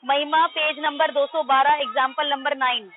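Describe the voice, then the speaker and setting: A woman's voice: high voice, steady tone, moderate pace. A woman teacher giving a math class in Hindi-English mix, firmly correcting her pupils' pronunciation and quizzing them. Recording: tinny phone-like line.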